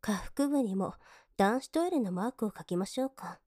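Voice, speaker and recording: A young woman playing a cold, scornful maid in an adult audio drama, politely contemptuous and mocking, sometimes dropping into soft whispers to sneer. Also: fairly high pitch, animated, a little fast, dry recording.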